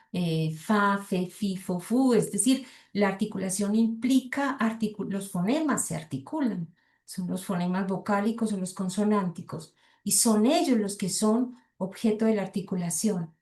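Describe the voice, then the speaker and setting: A middle-aged woman with a Colombian Spanish accent and a mid-range, slightly mellow voice gives an academic lecture in an echoey room. She reads passages aloud and thinks aloud, hesitating often and making rhetorical asides to her listeners.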